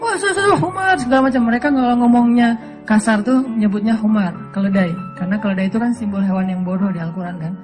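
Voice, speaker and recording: A middle-aged male Islamic preacher from Aceh, giving a relaxed, humorous sermon that jokes and acts out voices in his stories. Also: high-pitched, fast talker, over music. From Aceh, Indonesia. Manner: joking storytelling, often laughing.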